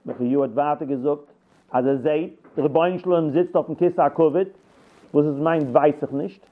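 Brisk and fairly high-pitched, the Torah teacher moves through his Yiddish-flavored Bible lesson, acting out quoted lines and restarting often. The audio comes through a tinny line that sounds like a phone.

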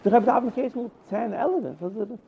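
A man telling rambling personal anecdotes, halting and repeating himself as he goes. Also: extremely high pitch, gravelly, slightly rough. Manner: halting, repeats and restarts words, animated. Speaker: storyteller. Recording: tinny phone-like line.

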